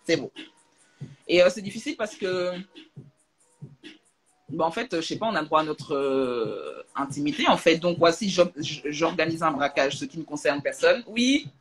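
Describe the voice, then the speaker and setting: A young adult woman chatting casually on a live stream from her room at home, animated and slangy, full of jokes and asides. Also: low-pitched, normal speed, husky, faint music behind, poor audio. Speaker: social media creator on a live stream. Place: at home, in a room with a closed door.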